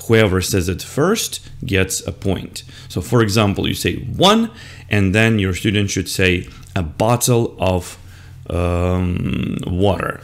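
An older man with a low voice walks fellow teachers through a lesson on screen. He speaks slowly and deliberately, modelling each word and answer as he clicks through the slides. The recording is close and plain, from his desk. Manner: explaining steps to other teachers, modelling words and answers. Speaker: English teacher. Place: indoors at a computer.

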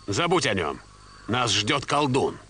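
A man voicing a resolute barbarian warrior hero in a dubbed fantasy cartoon, speaking bluntly and gruffly. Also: medium pitch, big pitch swings, measured pace. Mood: grim, urgent.

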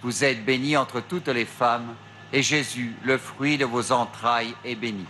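A middle-aged priest intones prayers at an open-air grotto, unhurried and measured. His voice is bright and clear over a faint hum of the outdoors, spoken into a stand mic at a lectern. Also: medium pitch, fairly even intonation. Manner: slow measured prayer recitation. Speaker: priest leading the rosary. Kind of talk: slow recited prayer and meditation. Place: outdoor rock grotto shrine.

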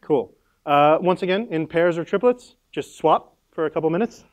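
A man with a fairly high voice leads a live workshop for a conference audience. He talks casually and upbeat, with lots of filler words, giving quick instructions to the room. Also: animated, phone-quality sound. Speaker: workshop leader.

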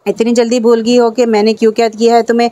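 A woman's voice: fairly high pitch, monotone, dark tone, lightly acted. A woman voicing an arrogant, menacing young male feudal landlord who talks down haughtily and makes threats. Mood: cold menace. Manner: haughty, threatening, speaks of himself as "we".

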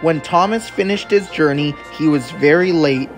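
A man narrating a children's story in a gentle, measured storybook style. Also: a little high, faint music behind.

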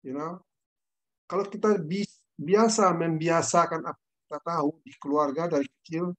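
Middle-aged indonesian guy lecturing on a video call, slightly high voice, mixes english in. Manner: switches between Indonesian and English, explains with personal stories. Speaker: presenter. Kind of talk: online class talk.

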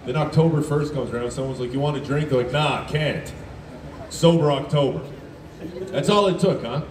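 A deep-voiced man in his thirties from Alberta, Canada, performs a deadpan, self-mocking stand-up set at normal speed, teasing the audience. It was captured at night on an outdoor festival stage in a city park by a phone in the crowd picking up the PA speakers, so the amplified sound is distant and echoey, with a laughing, cheering crowd making it noisy.

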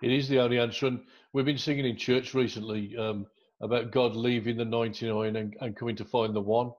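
Encouraging middle-aged pastor, dull call audio. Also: male voice, medium pitch, little pitch movement, brisk. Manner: affirming and encouraging. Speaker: pastor and host. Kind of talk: church interview on a video call. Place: room at home, indoors. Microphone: earphone headset on a video call.

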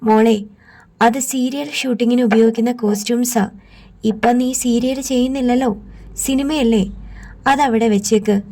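A woman's voice: fairly high pitch, fairly even intonation, normal speed, long pauses, warm tone. A woman reading an audiobook, voicing a strict, protective grandmother who scolds and insists. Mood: stern.

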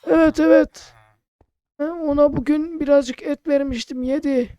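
A man voicing an old male market shopkeeper, fussy and pricey, in a loud, high, strained old-man voice for a game role-play. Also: fairly even intonation, measured pace, no echo, dull audio. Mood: chatty.

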